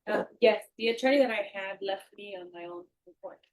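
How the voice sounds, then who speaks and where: A woman's voice: medium pitch, brisk, low-quality recording. A woman working as a court interpreter, relaying testimony sentence by sentence.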